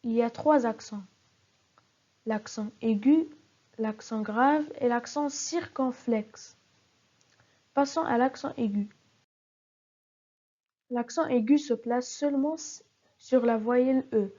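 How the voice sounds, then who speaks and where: A woman with a slightly high, mellow voice leads a recorded spelling lesson. She speaks very slowly and breaks example words into syllables one at a time. The recording sounds dull and lo-fi. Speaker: spelling teacher.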